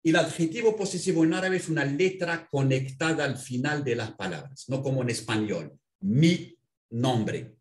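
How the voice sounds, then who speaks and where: A man teaching a language in an interview, patiently explaining and spelling out words slowly. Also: medium pitch, expressive, reverberant. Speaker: Arabic language instructor.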